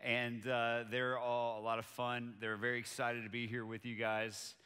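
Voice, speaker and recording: A man from Colombia, a native Spanish speaker, preaches to a church congregation in a chatty, personal tone. His voice is bright and forward. The sound carries a long hall reverb. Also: mid-range voice, completely flat delivery, normal speed, clear, resonant tone. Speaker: pastor. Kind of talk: sermon. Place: church auditorium with live audience.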